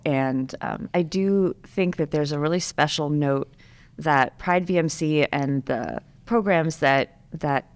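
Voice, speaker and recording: A woman's voice: low voice, clear, resonant tone. A woman interviewing a guest, enthusiastic and talking at length in a rambling way. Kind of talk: conversational interview.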